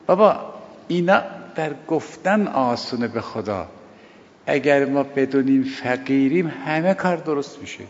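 An older man giving a sermon on a prayer, telling stories emphatically, repeating key phrases and swinging between loud and hushed delivery. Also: mid-range voice, expressive. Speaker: religious teacher. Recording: dull lo-fi recording with long hall reverb.

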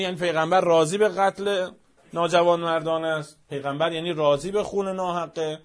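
A man giving an impassioned religious-political speech, rhetorical and fervent, swinging between raised outbursts and quiet, low asides. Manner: fervent, rhetorical, swings from shouting to near-hushed.

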